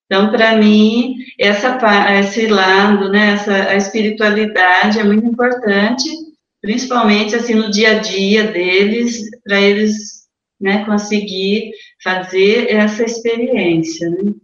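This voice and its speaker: A woman, a nun as an interview guest, speaking hesitantly with many fillers and pauses. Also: medium pitch, fairly even intonation. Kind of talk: radio interview answer. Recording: echoey, slightly muffled room.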